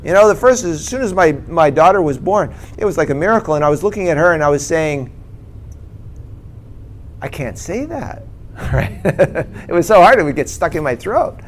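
A man's voice: on the high side, fast talker, few pauses. Chatty man sharing his own testimony. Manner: keeps checking in with "right?" and "okay?". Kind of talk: personal testimony, conversational.

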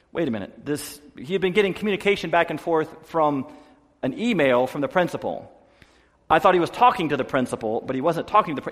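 Middle-aged guy preaching, chatty storytelling, voice kinda high, big echoey hall. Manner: conversational storytelling, rises when fired up. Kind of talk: sermon story. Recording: long hall reverb.

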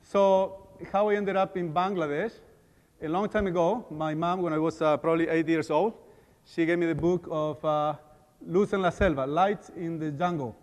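This middle-aged Argentine man speaks Spanish as his first language and gives a dentist's conference talk with a prayer in an echoey hall. His fairly high voice keeps a steady tone, though his delivery is halting, full of fillers and restarts.

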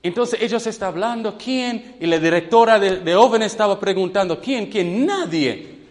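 High-voiced man preaching in a reverberant hall. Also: darkish tone. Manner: questions the audience, halting non-native Spanish. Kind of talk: sermon testimony to youth.

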